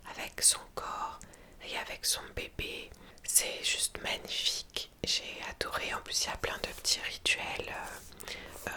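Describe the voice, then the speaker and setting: A woman whispering softly and breathily, as in a library, in an informal, hesitant ASMR chat presenting books. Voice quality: soft, breathy unvoiced whisper.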